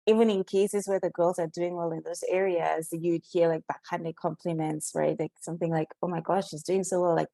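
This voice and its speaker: A young woman from Cameroon, a guest on a podcast, speaking in a thoughtful, measured way. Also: on the low side, flat delivery, gravelly, warm tone, no echo. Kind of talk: conversational interview.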